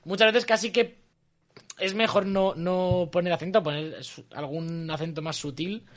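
A man in casual podcast chat, jumping in quickly and correcting himself as he goes. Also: high-pitched.

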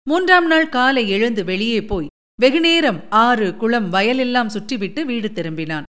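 A woman narrating a novel chapter in a measured storytelling manner. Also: a little high, lively intonation, a bit bright.

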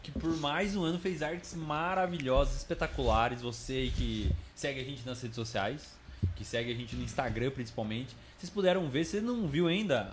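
A man's voice: medium pitch, a little hiss or hum. A man, co-hosting a podcast in a casual, chatty style. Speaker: podcast co-host. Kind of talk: casual chat and sponsor read.

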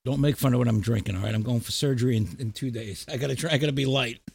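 A middle-aged podcast host talks about music in a casual, blunt way, swearing plenty on a remote Skype call for an audio show. His medium-pitched voice is rapid-fire, creaky and a little mellow with a breathy edge, and his manner is salty and profane.

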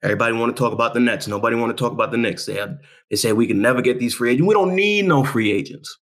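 A young man from New York talks sports on his own show, boastful and fired up. He leans on street slang, repeats himself for effect and keeps things animated. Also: medium pitch, rapid-fire. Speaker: show host. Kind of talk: hyped sports talk monologue.

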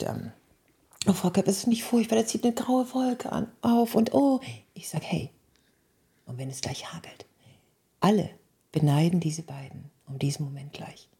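A woman's voice: vocal fry, husky. A woman, a wedding officiant, telling wedding anecdotes in a casual chat, acting out dialogue in a raised voice and dropping to whispers. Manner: lively storyteller, acts out dialogue in a high voice, drops to whispers.

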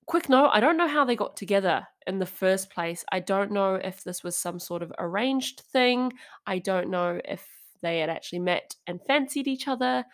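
A woman's voice: mid-range voice, animated, normal speed. A young adult woman hosting a podcast, telling a true-crime story in a casual, chatty and wry way with frequent asides. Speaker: podcast host.

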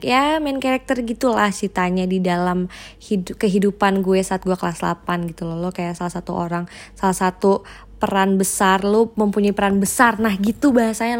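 A teenage girl with a Jakarta Indonesian accent giving a casual, personal greeting to a friend, slangy and mixing in English. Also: medium pitch. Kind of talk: casual personal video message.

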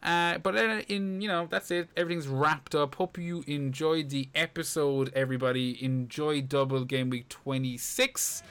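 A man's voice: a little high, steady tone, moderate pace, few pauses, a bit bright, clean tone. A man with an Irish accent hosting a podcast in casual, freely sweary banter. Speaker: podcast host.

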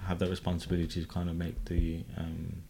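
A man's voice: deep voice, monotone, a little fast, vocal fry, dark tone, breathy edge. A British man hosting a casual interview, chatty and hedging with "kind of" and "you know". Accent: British English. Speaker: podcast host.

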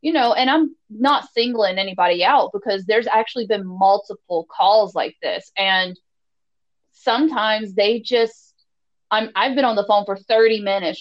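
A woman's voice: medium pitch, normal speed. A woman working at a college chats as a co-host, full of "like" and "you know". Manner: chatty, many "like" and "you know" fillers. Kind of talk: casual chat. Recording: slightly dull, muffled sound.

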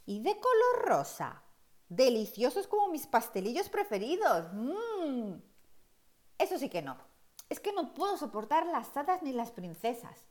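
A woman voicing a cheerful, curious little girl in an expressive, wondering storybook read-aloud. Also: high voice, voice pushed up.

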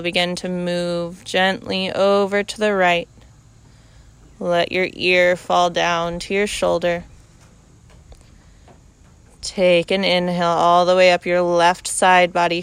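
Female yoga instructor, very clear smooth tone, even and calm delivery, unhurried short cues. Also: fairly low pitch, dry recording. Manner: calm, unhurried cueing in short measured phrases. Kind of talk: guided yoga class instruction.

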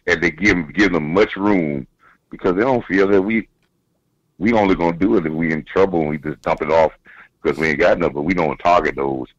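A man speaks over the phone in a low voice, calling in as a football coach. He talks casually, stumbling and repeating words as he works toward his point. The line is dull and dry. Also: fairly bright tone, no echo. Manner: halting, repeats words while building a point. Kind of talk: casual sports chat.

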